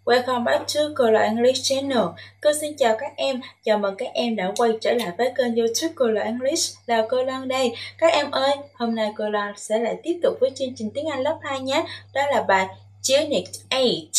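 Young children follow a Vietnamese teacher through English listen-and-repeat practice in a bilingual class. Her fairly high voice stresses each word slowly for them to copy, and she gently prompts them with questions.

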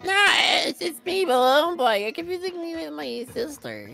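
A woman's voice: high voice, expressive, moderate pace, creaky, over loud music. A woman playing a nosy little animatronic boy, matter-of-fact and needling, in an improvised game roleplay.

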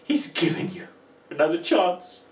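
Male preacher, emotional testimony, long pauses, roomy echo. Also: high-pitched, big pitch swings, a little mellow, recorded from a distance. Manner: slow, emotional, dramatic pauses. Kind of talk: testimony sermon.

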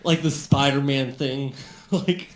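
A man's voice: medium pitch, slow. A young man talking casually as a podcast guest, stammering with lots of fillers and giggling often. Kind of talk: casual chat. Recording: roomy mic with faint background noise.

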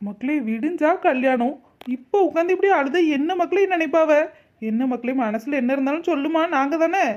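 A woman voicing a high teasing village woman, lo-fi. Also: brisk, darkish tone, natural voice. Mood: coaxing. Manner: teasing, coaxing. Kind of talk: animated cartoon dubbing.

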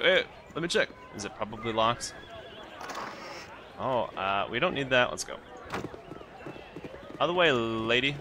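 A man's voice: medium pitch, sharp tone, slight background noise. A man casually commenting on his own gameplay as the host of a let's play, chatty and self-mocking, talking to the characters on screen.

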